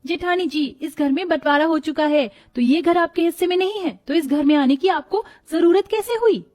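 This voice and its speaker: A woman's voice: very high-pitched, normal speed, darkish tone, soft background music. A woman voicing a scheming, spoiled young daughter-in-law who scolds sharply in a storybook. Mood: scornful. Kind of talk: storybook voice acting.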